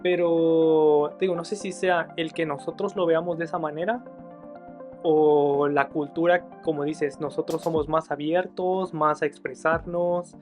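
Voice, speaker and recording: A man's voice: a little high, steady tone, a little slow, darkish tone, faint music behind. A Mexican man hosting an interview, talking in a reflective, rambling way with many fillers. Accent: Mexican Spanish. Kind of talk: casual conversational interview.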